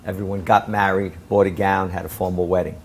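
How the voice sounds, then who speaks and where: Deep-voiced older male talk show host. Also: flat delivery, vocal fry, slight background noise. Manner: formal, measured, with frequent uh fillers. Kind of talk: local cable talk show hosting. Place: small studio set.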